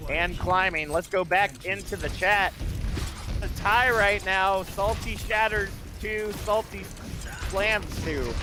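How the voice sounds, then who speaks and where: A man calling live esports action as play-by-play caster, fast and excited. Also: sits high.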